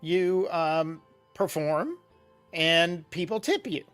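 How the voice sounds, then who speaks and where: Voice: medium pitch, expressive, slow pace, a bit bright, soft background music. A game master voicing a casual, matter-of-fact female tavern server.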